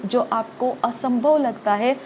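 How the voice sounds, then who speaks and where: A woman's voice: a little high, slow pace, a little mellow, slight background noise. A woman preaching a sermon, urging listeners with repeated phrases and frequent "okay?" checks.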